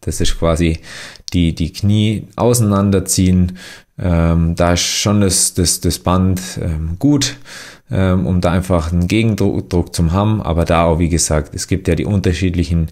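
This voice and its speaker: A young man giving relaxed voice-over instructions for a mobility workout, with many fillers and restarts. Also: sits low, normal speed. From Germany. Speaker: athlete demonstrating exercises.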